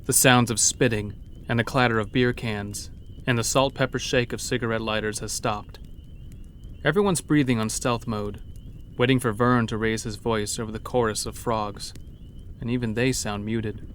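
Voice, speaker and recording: With music in the background, a man dramatically narrates a scripted horror story in the first person. He speaks at medium pitch and moderate pace with fairly even intonation and a slightly bright tone, and there is a little background noise.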